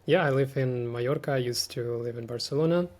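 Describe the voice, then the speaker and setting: A Ukrainian man, an artist and language teacher, appears as a podcast guest in a casual, reflective conversation. His mid-range voice is brisk and a little mellow, and he speaks in a thoughtful, hesitant, easygoing way.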